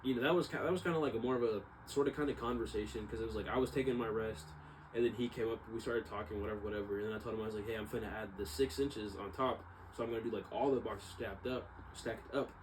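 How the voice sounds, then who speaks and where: A young adult American man, a vlogger and exercise science student, tells a story casually in a rambling, slangy way, frequently correcting himself. His voice is fairly low and fast, set against a noisy background.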